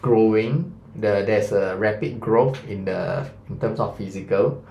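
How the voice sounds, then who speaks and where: A man in his thirties with a Malaysian English accent, a science teacher, chats through a revision lesson and quizzes his students, dropping fillers like "lah" and "mah." His fairly low, gravelly voice moves at a measured pace. The room sounds spacious and the audio is dull.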